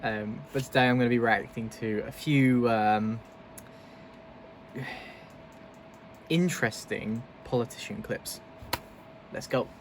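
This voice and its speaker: A man's voice: medium pitch, slow, long pauses, slight background noise. A man hosting a casual reaction video, chatty and loose, laughing often between asides. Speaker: video host.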